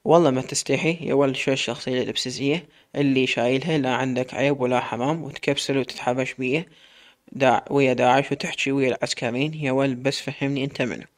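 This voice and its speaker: A man voicing a sharp-tongued Iraqi captive woman. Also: medium pitch, steady tone, quick pace, lightly acted. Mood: scolding. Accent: Iraqi Arabic. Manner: scolding, questioning.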